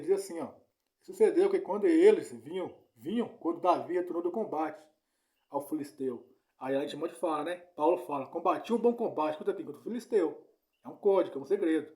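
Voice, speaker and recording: Male preacher, informal teaching, slightly high, warm tone, repetitive, checks in often. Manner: repetitive, keeps asking "né?" and "entendeu?".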